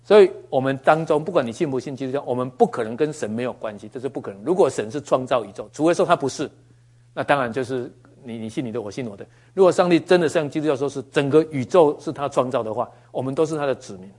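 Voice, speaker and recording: A man's voice: medium pitch, expressive, fast talker, a little mellow. A man teaching from the Bible in a conversational sermon, folksy and joking, with asides and fillers. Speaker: preacher.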